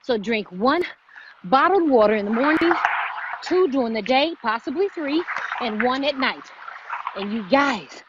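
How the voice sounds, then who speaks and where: A woman with a high voice and lively intonation speaks unhurriedly while hosting a motivational live vlog as a fitness motivator. She talks emphatically, repeating phrases for stress, and the livestream audio is muffled and noisy.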